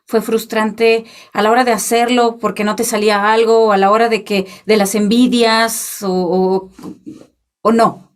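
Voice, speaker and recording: A woman's voice: on the high side, level tone, unhurried. Woman hosting a podcast. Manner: conversational, asks long questions. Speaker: podcast host. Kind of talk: casual podcast interview.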